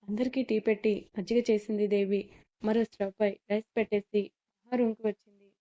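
Lady reading out an audio story, even mellow voice, kinda muffled sound. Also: mid-range voice, brisk. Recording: slightly muffled lo-fi recording.

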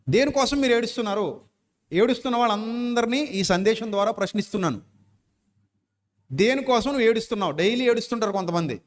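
A man preaching a sermon, pressing listeners with repeated rhetorical questions and dropping in English words. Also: very high voice. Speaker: pastor. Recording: long hall reverb.

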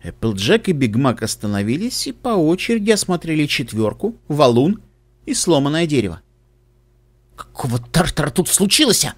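A man reading an audiobook aloud in an expressive storytelling manner. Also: fairly high pitch. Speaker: audiobook reader. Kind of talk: audiobook narration.

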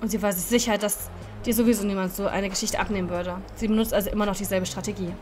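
A woman's voice: medium pitch, steady tone, fast, a little mellow, soft background music. A woman hosting a let's-play, reading a dating game aloud and voicing every character, playful and laughing at her own slips.

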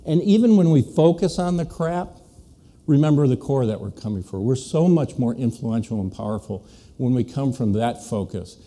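A physician giving a conversational, anecdotal talk to a conference audience, with an American accent, dropping into quiet asides. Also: male voice, medium pitch, expressive, moderate pace. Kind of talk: storytelling speech to an audience. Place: conference meeting hall.

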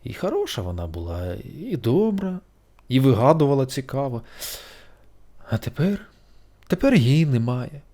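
A storyteller reading a bedtime fairy tale aloud in an expressive, sing-song manner. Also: mid-range voice, normal speed, long pauses.

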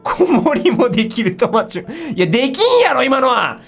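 A woman giving excitable commentary on a horror game, easily startled, often exclaiming and repeating her words. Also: sits high, normal speed, vocal fry. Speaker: game streamer. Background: music.

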